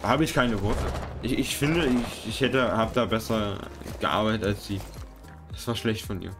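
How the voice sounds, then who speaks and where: A young man giving casual gameplay commentary, excitable and self-mocking, often swearing. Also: on the low side, normal speed. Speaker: gaming YouTuber. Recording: game music and gunfire behind. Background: game music and gunfire.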